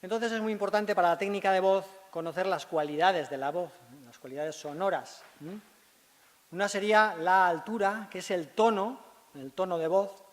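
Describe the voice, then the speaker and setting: A man's voice: high-pitched, moderate pace. A man, a speech therapist giving a conference talk in a large hall. He teaches step by step and keeps checking in with short tag questions. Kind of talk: conference presentation. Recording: long reverb of a large hall.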